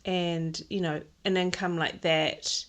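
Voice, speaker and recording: A woman with a fairly low, slightly bright voice speaks slowly and with fairly even intonation. She's a textile designer appearing as a podcast guest, thoughtfully talking through her career in a casual interview, with lots of ums and restarts.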